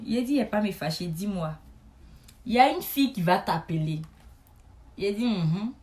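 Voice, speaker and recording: A woman, telling a comic story to camera in a chatty, animated way, with frequent asides to her listeners. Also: mid-range voice. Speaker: comedic storyteller.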